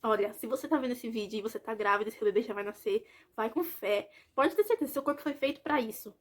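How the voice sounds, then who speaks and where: A woman's voice: a little high, fast talker. A young woman from Brazil, a vlogger telling a personal story in a chatty way, talking straight to her viewers. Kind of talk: casual personal story to camera.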